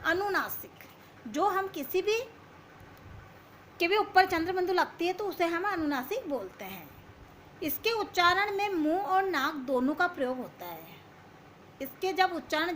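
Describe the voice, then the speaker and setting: A woman's voice: high-pitched, pushed and bright, slight background noise. A woman teacher giving a grammar lesson to young children, asking questions and answering them herself.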